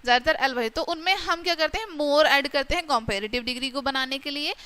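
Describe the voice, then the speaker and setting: High bright Indian woman teaching grammar. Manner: slow English reading, quicker Hindi explanation, frequent checks like "theek hai?". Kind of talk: grammar lesson explaining a textbook.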